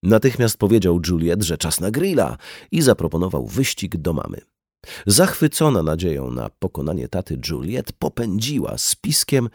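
A man reading a novel aloud as narrator, in an even, measured storytelling manner. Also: sits low, no echo, studio quality. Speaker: audiobook narrator. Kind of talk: scripted narration.

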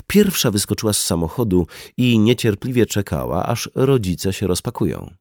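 A man reading a novel aloud as narrator, in an even, measured storytelling manner. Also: lowish voice, no echo, clean studio sound. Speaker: audiobook narrator. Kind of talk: scripted narration.

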